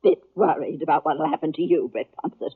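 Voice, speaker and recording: In the style of a 1950s radio western, an actress voices a brisk, no-nonsense older aunt on the frontier. Her husky, low-pitched female voice delivers lines tartly and matter-of-factly, with a brisk, knowing mood, and the recording sounds muffled.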